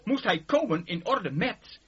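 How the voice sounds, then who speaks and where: A man preaching a sermon, emphatic, with dramatic pauses between short phrases. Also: high voice, very animated, a bit bright, highs cut off. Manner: emphatic, rising and falling delivery with dramatic pauses.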